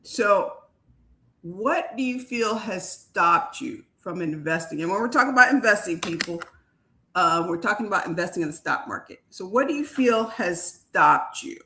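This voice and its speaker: A woman's voice: mid-range voice, expressive, normal speed, bright, forceful tone, slight background noise. A woman from Haiti hosting a live video chat as a wealth coach, talking in an upbeat, emphatic way.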